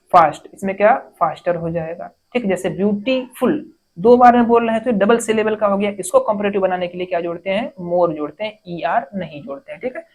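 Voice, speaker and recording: A woman teaching an exam-prep grammar lesson, explaining step by step, asking questions and answering them herself, and reading example sentences slowly. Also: mid-range voice, a little mellow. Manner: reads English sentences slowly, word by word.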